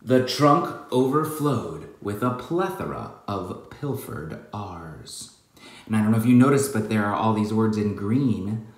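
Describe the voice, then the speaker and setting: A man's voice: on the low side, a little slow. Playful man reading a picture book aloud. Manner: playful, animated storytelling with asides. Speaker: children's book author. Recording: very echoey room.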